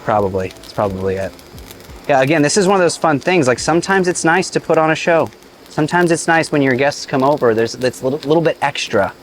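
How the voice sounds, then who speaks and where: A man's voice: a little high, animated, fast, soft background music. A man hosting a casual cooking demonstration outdoors, chatty and enthusiastic as he cooks and tastes. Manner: enthusiastic, chatty, talks with a mouthful at times. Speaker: cooking show host, chef. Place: outdoor griddle cooking set.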